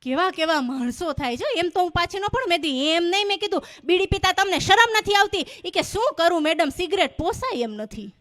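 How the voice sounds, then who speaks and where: A woman's voice: very high-pitched, brisk, hardly any pauses. A woman, telling stand-up comedy stories on stage and acting out the dialogue in them. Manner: animated storyteller acting out dialogue. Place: stage before a live audience.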